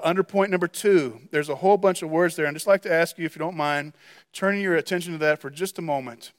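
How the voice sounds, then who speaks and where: A man preaching a sermon as pastor, earnest, often stumbling over repeated words as he restarts a phrase. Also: a little high. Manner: earnest, with frequent stammered restarts.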